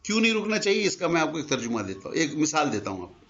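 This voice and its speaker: A man's voice: a little high, very animated, a bit bright. An older man teaching Arabic grammar in a conversational lesson, patiently explaining with examples and mixing in English words. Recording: dull lo-fi recording.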